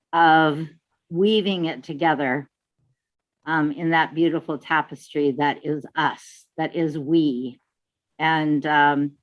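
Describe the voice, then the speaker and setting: A woman from the Lake Superior Ojibwe homelands speaking slowly and reflectively on a video call, pausing often and filling gaps with "um". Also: lowish voice, fairly bright tone, low-quality recording. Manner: unhurried, reflective, many pauses and fillers. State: out of breath. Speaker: panelist. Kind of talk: slow casual online talk.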